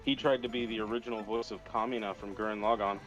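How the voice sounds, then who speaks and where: Low-voiced relaxed co-host man. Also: quick pace, dull audio, music in the background. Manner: relaxed, helpful, chuckling often. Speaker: co-host friend. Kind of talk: casual gaming chat.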